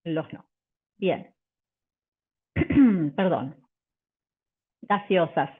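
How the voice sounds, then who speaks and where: A woman vocal coach, teaching a live online workshop, full of fillers and restarts and demonstrating pitch and volume changes. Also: lively intonation, extremely slow, breathy edge. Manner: hesitant, many fillers and restarts. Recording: tinny phone-like audio.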